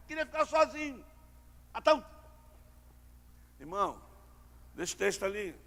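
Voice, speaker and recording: Storytelling male preacher, high gravelly voice, quizzes the congregation. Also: a bit bright. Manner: storytelling, acts out dialogue, asks the crowd. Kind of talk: sermon. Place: large church hall. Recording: long church hall reverb.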